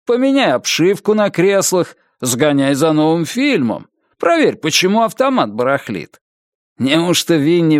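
A pushy, sneering middle-aged man lectures a younger colleague, as a male narrator puts him on. He leans on every point with insistent, needling persistence. The audiobook voice is slightly high for a man and recorded very dry. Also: no echo.

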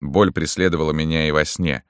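A man narrating a first-person novel in a steady, even reading. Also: extremely low pitch, fairly quick, smooth, dry recording, clean studio sound. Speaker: audiobook narrator.

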